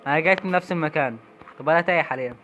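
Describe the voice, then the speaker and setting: A man's voice: a little high, racing, over music, low-quality recording. A young Egyptian man commenting on a horror game as he plays, jumpy and talking to himself, cursing when startled. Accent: Egyptian Arabic. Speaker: gamer streamer.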